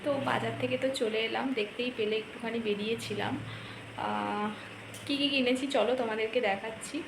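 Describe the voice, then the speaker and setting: A woman's voice: on the high side, fairly even intonation, a little fast, gravelly, very noisy. A young woman, chatting casually and rambling through her day in a home vlog, full of fillers. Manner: talks softly while others sleep. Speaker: vlogger. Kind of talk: casual daily-life vlog chat.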